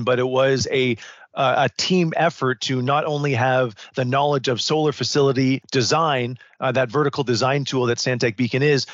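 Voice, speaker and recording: A man's voice: mid-range voice, a bit bright, no echo. A man co-hosting a podcast, asking long, wordy interview questions. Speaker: podcast co-host. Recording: dull dry studio sound.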